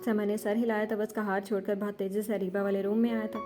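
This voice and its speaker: Mellow woman narrating a novel. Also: mid-range voice, soft background music. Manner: steady dramatic storytelling. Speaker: audiobook narrator. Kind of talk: novel reading.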